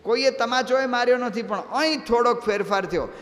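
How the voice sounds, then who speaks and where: A monk preaching a sermon, telling a parable in a lively, repetitive storytelling manner. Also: male voice, very high voice, a little fast, long reverb tail. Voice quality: lively, repetitive storyteller who acts out voices.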